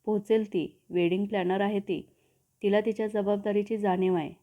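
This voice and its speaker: A calm young man who patiently reassures his worried mother, read by a woman storyteller. The sound is thin, as if over a phone. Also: mid-range voice, moderate pace, muffled recording, close to an everyday voice. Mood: reassuring. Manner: patient, defending others.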